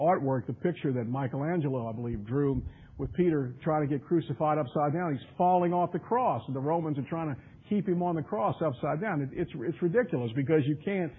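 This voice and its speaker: A man's voice: a little high, slightly rough. A man preaching a Bible study sermon. He reads scripture aloud in old-fashioned wording, then explains it conversationally with many fillers and repeated words. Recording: tinny, phone-like radio broadcast.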